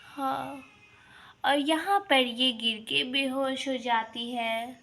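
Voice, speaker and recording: A woman's voice: high-pitched, slow pace, fairly bright tone. A woman narrating a toy doll story in a plain telling manner.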